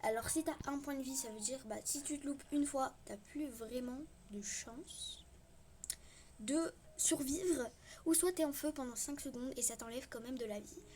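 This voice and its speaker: A woman's voice: high-pitched, fast, few pauses, a little mellow, slight background noise. Chatty young French-speaking gamer woman. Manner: chatty, rambling, self-mocking. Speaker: gaming youtuber. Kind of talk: casual gameplay commentary.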